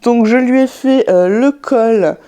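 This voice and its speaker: A woman's voice: on the high side, slow pace, warm tone, clear, resonant tone. A woman chatting casually in a hesitant, rambling vlog style, her voice strained by tonsillitis and a swollen, sore throat. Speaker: sewing vlogger and online haberdashery owner. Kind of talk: casual vlog chat to viewers.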